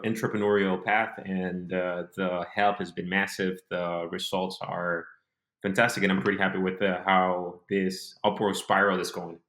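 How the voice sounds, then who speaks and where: Recorded in an echoey room, this man's voice sits low with a slightly bright edge. He's a mid-twenties interview guest from Honduras who runs a business, recounting his story reflectively in brief phrases.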